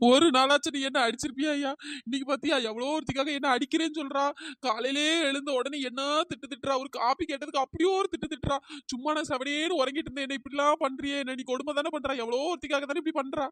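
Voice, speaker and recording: A voice actor playing a suspicious, dramatic young wife in a comic cartoon, wailing and accusing through a pitch-shifted cartoon voice. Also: steady tone, quick pace, a bit bright, no room sound. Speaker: cartoon character.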